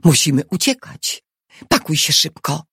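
A tense, determined husband from a storybook, read by a woman speaks in clipped, urgent phrases. The voice is husky and gravelly, slow, with a dry, close sound. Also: sits low, animated, dry recording, exaggerated voice. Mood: tense, firm. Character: tense, resolute husband accused of treason.

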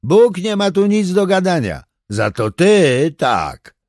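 A man voicing a brutal armed burglar who taunts his victims with slow, threatening words in an audiobook. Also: sits high, big pitch swings, darkish tone, dry recording, studio quality, pitched above the performer's own voice, full character voice. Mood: menacing. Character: brutal armed male burglar, mocking and cruel.

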